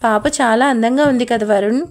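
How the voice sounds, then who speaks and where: A woman voicing a gentle young wife in a spoken family story. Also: a little high, moderate pace, close to an everyday voice.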